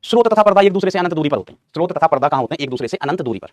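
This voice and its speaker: A man's voice: on the high side, animated, rapid-fire, no echo, studio quality. A male physics teacher giving a classroom lecture, quizzing his students, answering his own questions and repeating key terms, calling them son and brother.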